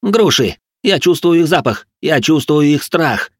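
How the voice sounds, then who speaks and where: A man voicing a pompous, ranting aristocrat who lectures and barks cooking orders in a shrill, squealing voice. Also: brisk, no echo, lightly acted. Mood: yelling orders. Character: shrill manic aristocratic male drill-sergeant cook. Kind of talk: audiobook character voice.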